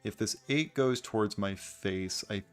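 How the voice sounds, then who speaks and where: A man hosts a gameplay video in a low-set voice. He talks casually and takes his time, with a dry, understated wit. Faint music plays underneath. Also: measured pace. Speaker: gaming video host.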